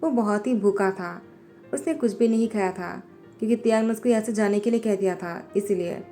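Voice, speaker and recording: A woman reading a fan fiction story as a voiceover, narrating in a plain, steady way, with faint music behind her. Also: mid-range voice, fairly quick. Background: faint background music.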